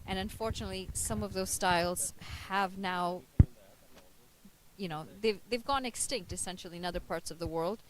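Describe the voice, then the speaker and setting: Lady cricket commentator, score updates plus analysis, loud noise under her voice. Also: medium pitch, normal speed. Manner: analytical, raises questions about coaching.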